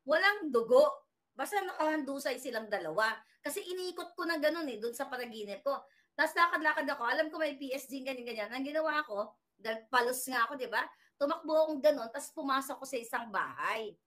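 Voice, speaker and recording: A woman's voice: high-pitched, fast. A woman vlogger from the Philippines casually recounting a dream in a chatty, rambling way, with many restarts and fillers. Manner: animated retelling of a dream. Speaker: political commentary vlogger. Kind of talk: casual storytelling monologue.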